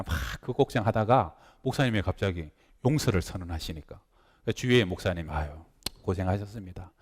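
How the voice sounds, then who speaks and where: A male pastor preaching a sermon, telling stories with acted quotes, jumping from loud outbursts to hushed asides. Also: low voice. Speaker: senior pastor. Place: church sanctuary. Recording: long hall reverb.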